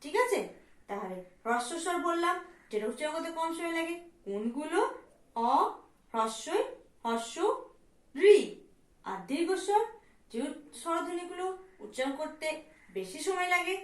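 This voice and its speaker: A woman primary teacher with a West Bengal Bengali accent talks young pupils through the lesson, repeating each term and answering her own questions. Her voice sits very high and swings up and down. She is picked up from across an echoing classroom. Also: expressive, normal speed, long pauses. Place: classroom with board. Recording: echoey room, mic far off.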